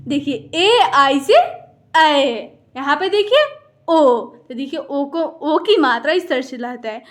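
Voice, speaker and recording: A woman with a high voice and a Hindi accent gives a beginners' lesson. She keeps asking what something is and then answers it herself. She repeats each key point so learners can follow. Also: animated, slow pace. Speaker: teacher. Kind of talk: explaining a lesson to viewers.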